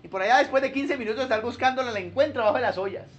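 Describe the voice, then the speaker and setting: A man's voice: very high voice, very fast, dull audio, background noise. A male pastor, preaching a sermon and acting out churchgoers in playful voices. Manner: animated, acts out churchgoers in funny voices.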